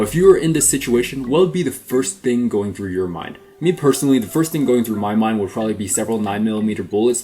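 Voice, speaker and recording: A young man with a fairly low voice rants in a mock-serious comedic monologue. He keeps it deadpan but breaks into sudden loud outbursts. Faint music plays underneath.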